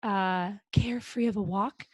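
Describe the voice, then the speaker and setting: A young adult woman hosts a casual podcast chat, upbeat and chatty with lots of fillers, speaking a little slow in a medium-pitched voice with fairly even intonation. The close podcast mic picks up no room sound.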